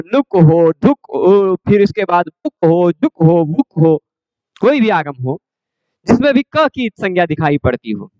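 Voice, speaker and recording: A Sanskrit grammar teacher speaks in a high, smooth voice, slowly and deliberately, posing questions and then answering them. The sound is dry and a little dull, with a lo-fi edge. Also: male voice, dry recording. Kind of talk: classroom grammar lecture.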